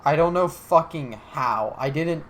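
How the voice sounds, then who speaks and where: A man's voice: on the high side, a little slow. A young man from Alabama co-hosting a casual podcast, joking around, swearing freely and rambling. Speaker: podcast co-host. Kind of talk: casual chat.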